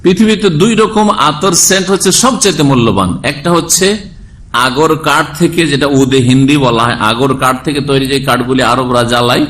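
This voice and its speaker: A man's voice: medium pitch, a little fast, a bit bright. A man preaching a sermon lecture, explaining step by step and asking his listeners rhetorical questions. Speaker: Islamic preacher.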